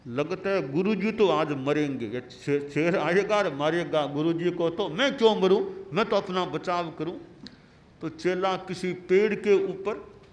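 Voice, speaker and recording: A man who is a monastic spiritual teacher, giving a sermon with a story and repeating key words deliberately. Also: fairly high pitch, a little hiss or hum.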